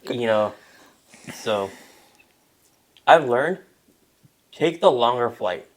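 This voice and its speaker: A man's voice: mid-range voice, lively intonation, drawn-out words. A young man, talking casually as a podcast guest, rambling with restarts and fillers. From Taiwan.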